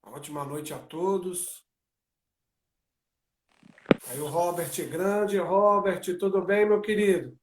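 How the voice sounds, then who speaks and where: High-voiced man hosting a live interview. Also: slow, long pauses, very noisy. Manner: friendly, reads out lists. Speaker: interview host. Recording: echoey room.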